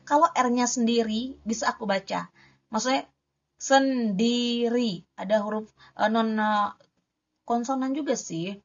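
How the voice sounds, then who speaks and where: Young woman, casual poetry-reading tutor, slightly high voice, trips on the S-R sound, dull home recording. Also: moderate pace, long pauses. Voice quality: struggles with the S-R cluster. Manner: chatty, self-correcting, demonstrates sounds aloud. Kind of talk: casual spoken lesson.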